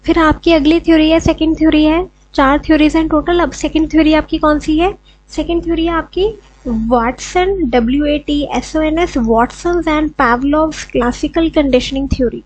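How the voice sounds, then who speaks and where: A woman's voice: high voice, a little mellow, no room sound, muffled recording. A woman teaching an education lesson, explaining step by step and often checking in with "okay". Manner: mixes English terms, repeats "ठीक है" often.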